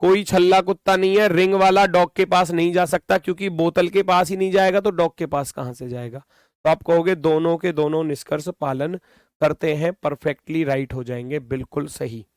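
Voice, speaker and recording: A man's voice: a little high, fairly even intonation, normal speed, no echo, studio quality. A man teaching a reasoning class online, explaining with lots of repetition and scolding students now and then.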